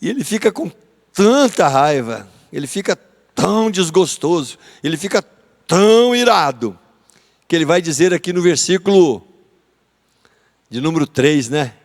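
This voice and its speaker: Male pastor, Brazilian Portuguese accent, high voice, animated Bible lesson, reverberant church hall. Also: normal speed, long pauses. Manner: animated, dramatizing, conversational with tag questions. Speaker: pastor teaching a theology course.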